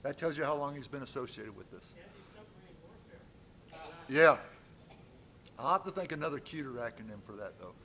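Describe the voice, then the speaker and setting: A man's voice: mid-range voice, lively intonation, normal speed, long pauses, sharp tone. A man opening a members' meeting at a conference, speaking off the cuff in a friendly, lightly joking way into a stage microphone. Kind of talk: public address at a conference.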